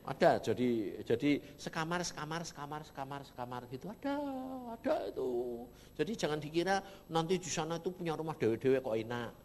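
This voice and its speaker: A middle-aged man preaching a sermon, telling a story, dropping to soft murmurs and then bursting out loudly. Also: fairly high pitch, a little hiss or hum. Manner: swings from soft murmurs to sudden loud emotional bursts. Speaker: evangelist preacher.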